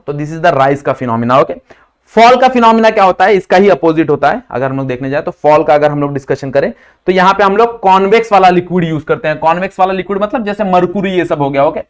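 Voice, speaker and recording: A man teaching physics in a lecture style with a slight lisp, who keeps quizzing students with quick questions and calls them brother. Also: a little high, clear, resonant tone. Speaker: physics tutor. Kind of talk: classroom lecture mixing Hindi and English.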